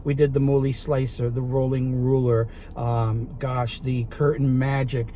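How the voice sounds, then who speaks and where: Male chef guest, Brooklyn accent, soft-edged mellow tone, casual storytelling with faint car noise. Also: medium pitch, little pitch movement, unhurried. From Brooklyn, New York. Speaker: guest chef and TV product presenter. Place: inside a parked car.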